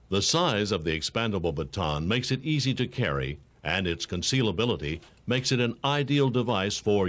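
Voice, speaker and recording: A low-pitched American man reads scripted training narration in a formal, authoritative tone. Each measured, instructional sentence rises and falls with lively intonation.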